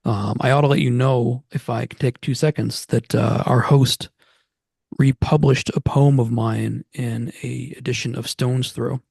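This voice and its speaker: A man's voice: medium pitch, steady tone, a little slow, gravelly, a little mellow, breathy edge, no echo, clean studio sound. A man from Massachusetts chatting casually on a video call at an online poetry gathering, rambling with many restarts. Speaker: poetry reading attendee. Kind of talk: casual chat.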